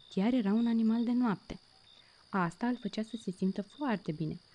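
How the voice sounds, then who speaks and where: Woman, storyteller, bedtime story reading, warm mellow voice, soft, even pitch.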